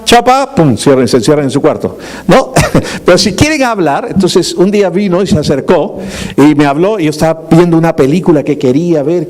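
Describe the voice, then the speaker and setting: Lively, slightly high-voiced male pastor. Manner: conversational preaching with humorous asides and rhetorical questions. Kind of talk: sermon.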